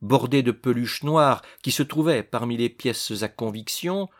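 A man narrating an audiobook in a measured literary reading. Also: mid-range voice.

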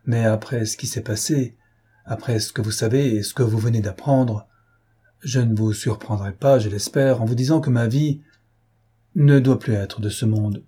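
A man's voice: mid-range voice, moderate pace, dark tone, breathy edge, close to an everyday voice. A man reading aloud and voicing a grave young woman who speaks with firm, solemn resolve. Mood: resolute.

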